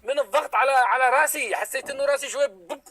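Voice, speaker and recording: A man hosting a live online debate on a headset, pleading again and again for calm. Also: very high voice, rapid-fire, no echo. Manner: pleading, repeats calls for calm. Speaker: live stream host moderating a debate. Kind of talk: heated online debate moderation.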